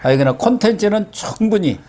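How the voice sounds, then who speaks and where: A man's voice: high voice, lively intonation, brisk, mellow. A man hosting an interview, chiming in with short comments and pointed remarks. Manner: brief backchannels and pointed interjections. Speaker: host. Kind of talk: interview host chat.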